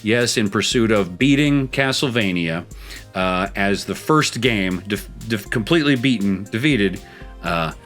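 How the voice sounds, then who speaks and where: A South Texas man hosts a gameplay channel, playing a game and telling a story in a chatty, playful way that leaps into high-pitched exclamations. His tone is fairly bright with lively intonation and a measured pace, and faint music plays behind him.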